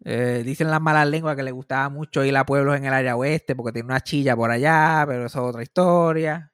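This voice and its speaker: A man's voice: medium pitch, fairly even intonation, fairly quick, fairly bright tone, smooth, no echo, clean studio sound. A man with a Puerto Rican accent hosting a podcast, telling a story in casual, rambling chat full of swearing and restarts. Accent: Puerto Rican Spanish. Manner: rambling and profane, with frequent restarts. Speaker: podcast host.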